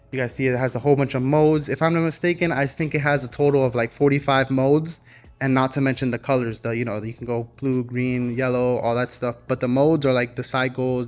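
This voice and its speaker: A man who runs a custom car shop, talking casually to his viewers and rambling loosely with fillers and restarts. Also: medium pitch.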